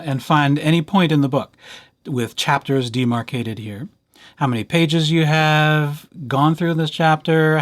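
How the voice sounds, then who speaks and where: Speaking as a library instructor, a man walks through software in a relaxed, conversational tutorial, sprinkling in lightly playful remarks. His voice sits a little high.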